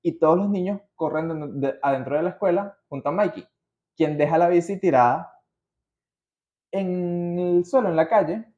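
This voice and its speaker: A man with a Venezuelan accent hosts a podcast in a warm voice that sits high, at a moderate pace. His talk is casual, slangy, and digressive, taken from his notes, and it's recorded in a muffled, roomy way.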